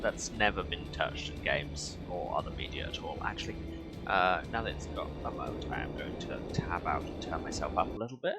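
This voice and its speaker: A man's voice: sits low, lively intonation, brisk. A man giving casual, wry gameplay commentary as a streamer, full of sardonic joking. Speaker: game streamer. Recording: voice over loud game music.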